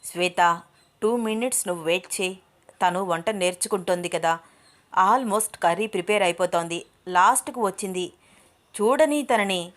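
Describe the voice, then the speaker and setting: Woman doing an earnest young man, gentle, mild, audio story. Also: medium pitch, moderate pace, long pauses, lightly acted. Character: kind, puzzled young man, Abhiram.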